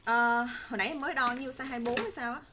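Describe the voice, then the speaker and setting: In a noisy phone recording, a Southern Vietnamese woman in her thirties talks very fast in a fairly high voice, pushing products to her live-stream audience. Her patter is persuasive and repetitive. She sits in an indoor room with curtains and bagged stock, a short way from the phone.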